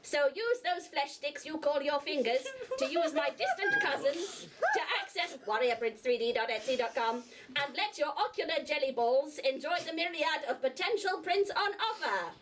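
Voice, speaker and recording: A woman's voice: sits high, animated, moderate pace, a bit bright, slight background noise. A woman putting on a robot voice as a robotic host reading a comic advert, with a stiff announcer cadence and computer status phrases. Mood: deadpan mechanical. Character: robotic male-less unit host reading an ad. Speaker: player reading a sponsor advert.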